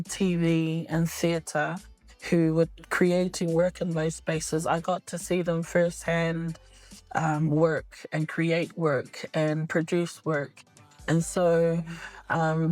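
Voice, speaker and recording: A middle-aged woman with a lowish voice answers interview questions about her acting work. She speaks in a relaxed way and often pauses on fillers and restarts. Faint music plays under her voice. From New Zealand. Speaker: actress.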